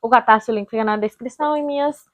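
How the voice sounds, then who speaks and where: A Brazilian woman talks in a fairly high voice, in the casual style of a reading vlog. She is informal and chatty, rambling along and correcting her own words as she goes. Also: quick pace, no room sound. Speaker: book vlogger.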